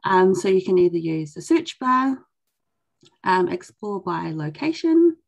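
A woman's voice: lowish voice, animated, unhurried, gravelly. A young woman casually presenting as host of an online session. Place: indoors on a video call.

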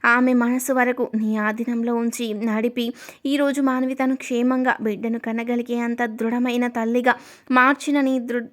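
A woman's voice: a little high, level tone, moderate pace, lightly acted. A woman reading the part of a proud, grateful older father who speaks earnestly and with praise.

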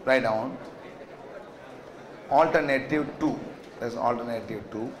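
A man's voice: mid-range voice, unhurried, noisy background. A middle-aged man with a South Indian accent giving a classroom lecture, drilling students with repeated questions and check-ins. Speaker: finance lecturer. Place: indoor classroom, speaking to students. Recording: echoey classroom.

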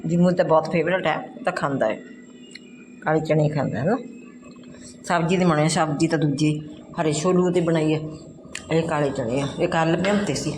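A woman with a Punjabi accent chatting casually to her pet, in an expressive, exclaiming aunty manner full of motherly repeated calls and commands. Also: deep voice. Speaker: home vlogger talking to pet dog. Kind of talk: casual chat, coaxing a pet. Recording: noisy handheld home video.

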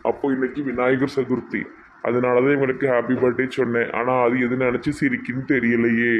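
Flat-voiced man pleading and apologizing. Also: mid-range voice, brisk, dull audio, slight background noise. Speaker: comic suitor in a skit. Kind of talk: acted comedy skit.

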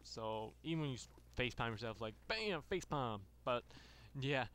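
Over gameplay, a male gaming channel host rambles through a lengthy, profane tale, restarting often and leaning on fillers. His mid-range voice is a bit bright with lively intonation at normal speed, and game gunfire plays behind a slight hiss or hum.

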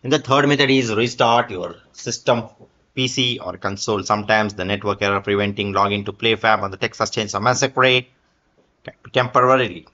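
A man's voice: on the low side, fairly even intonation, brisk, bright, forceful tone, lo-fi sound. A man narrating a screen-recorded tech tutorial, reading an article aloud with fillers and small slips.

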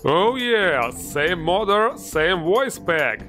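A man with a slightly high voice delivers a sarcastic video game review. He sounds sardonic and exasperated and swears freely. Music plays faintly behind him. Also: big pitch swings, extremely slow, pushed and bright. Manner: sardonic, exasperated, foul-mouthed. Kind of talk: sarcastic scripted review narration.

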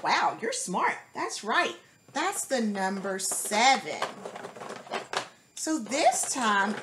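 A woman's voice: medium pitch, heavy background noise. A woman teaching a child to count, speaking as an encouraging teacher who asks questions and gives praise. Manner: slow, deliberate counting aloud.

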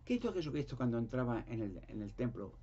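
Man, husky voice, emphatic rambling talk, stammered repeats, dull lo-fi recording. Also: mid-range voice, sing-song, quick pace, mellow. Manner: emphatic, repetitive, restarts words. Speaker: conspiracy talk guest. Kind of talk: rambling monologue. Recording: dull lo-fi sound.

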